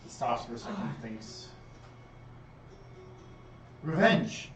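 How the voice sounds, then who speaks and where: A man's voice: fairly high pitch, very animated, fairly quick, roomy sound, recorded from a distance, over music. A man running a tabletop game as game master, laughing often with his players.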